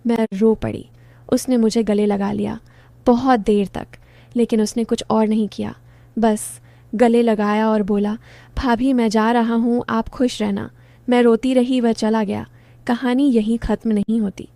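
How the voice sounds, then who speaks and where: A woman narrating a story in the first person, with a soft, low-key delivery. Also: little pitch movement, measured pace, gravelly, no echo.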